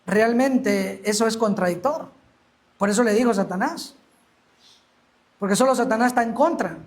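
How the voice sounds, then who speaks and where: A man's voice: high-pitched, normal speed. A male preacher delivering an emphatic sermon, acting out the Bible scenes he tells. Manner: emphatic, acts out quoted Bible speech.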